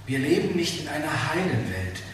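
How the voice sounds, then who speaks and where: A man preaching a sermon, emphatic and animated, asking the listeners rhetorical questions. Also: on the high side, moderate pace, distant mic. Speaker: pastor. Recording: very echoey hall, speaker off-mic, faint room noise.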